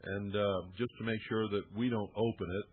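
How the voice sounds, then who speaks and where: A man's voice: fairly low pitch, flat delivery, moderate pace, breathy edge. A man hosting a radio talk show, making an earnest, heartfelt appeal with folksy fillers. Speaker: radio host. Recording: narrow phone-like radio audio.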